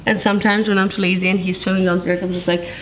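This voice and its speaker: A young woman vlogger talks fast in a mid-range, flat voice as she gives a casual, rambling tour of her large tiled bedroom and bathroom, full of "like" and "so cool." She films on a handheld camera while walking around, and the room is echoey with background noise.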